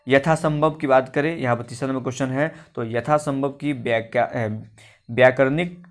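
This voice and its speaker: A man's voice: medium pitch, fairly even intonation, normal speed. A male teacher giving a grammar lesson for exam preparation. He explains step by step, often asks a question and then answers it himself. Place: coaching class recording.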